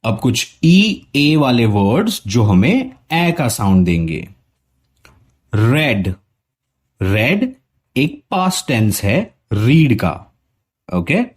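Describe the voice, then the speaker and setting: Male pronunciation tutor: very slow, husky, lively pitch, word-by-word drills. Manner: reads word lists one word at a time. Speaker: spoken English teacher. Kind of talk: pronunciation lesson.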